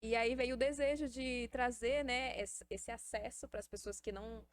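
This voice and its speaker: A woman's voice: a little high, steady tone, moderate pace, dry recording. Chatty Bahian-accented woman host. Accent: Bahian Brazilian Portuguese. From Salvador, Brazil. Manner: chatty and warm-hearted about her project, tags sentences with a questioning tag. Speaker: podcast host. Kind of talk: casual podcast interview.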